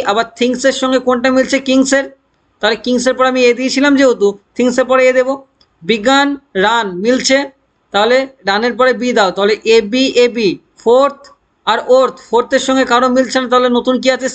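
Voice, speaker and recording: Brief man with a very high voice lecturing as a teacher, dictating slowly and then explaining fast. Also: fairly bright tone. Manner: asks questions and answers them himself; dictates English notes slowly and spells words out letter by letter. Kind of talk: classroom lecture.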